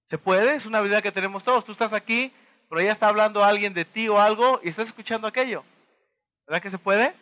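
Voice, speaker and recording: A man with a Mexican accent giving a motivational talk to an audience, pausing to throw them rhetorical questions and act out little dialogues. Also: high-pitched, sharp tone, lo-fi sound. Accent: Mexican Spanish. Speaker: motivational speaker.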